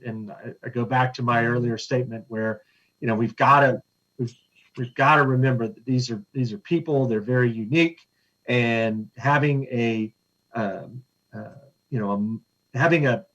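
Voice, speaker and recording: Earnest man on dull call audio. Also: medium pitch. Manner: earnest, halting, full of fillers. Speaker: webinar panelist. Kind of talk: conversational commentary.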